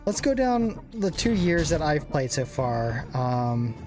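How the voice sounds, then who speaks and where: Though he speaks slowly, this young gaming channel host is very animated, his voice on the high side as he jokes and makes fun of himself during rambling strategy game commentary. Game music plays underneath.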